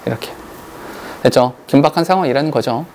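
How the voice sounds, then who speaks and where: A male English teacher giving a grammar lecture, often pausing to check in with rhetorical questions and reading English sentences slowly. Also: medium pitch, a little mellow, slight background noise. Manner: reads English lines slowly and deliberately.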